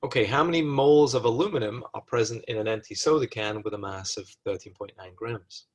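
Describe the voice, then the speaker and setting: A man lecturing through chemistry exercises in a recorded lesson, at a middle pitch. He reasons aloud and stops to correct himself partway through sentences. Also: fairly quick, lo-fi sound.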